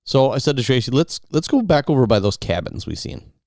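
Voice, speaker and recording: A man's voice: medium pitch, very animated, fairly quick, darkish tone, no echo, studio quality. A man hosting a podcast, telling an outdoor survival story in a casual, rambling way, often restarting and repeating words. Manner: rambling, repeats and restarts words, quotes others in his own voice.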